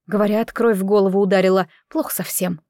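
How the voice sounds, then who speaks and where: Женщина играет суетливую болтливую горничную. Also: female voice, medium pitch, steady tone, a little mellow, dry recording, clean studio sound, lightly acted. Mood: worried. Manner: quick folksy chatter, fussing and exclaiming. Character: bustling kind-hearted female chambermaid, chatty and fussy.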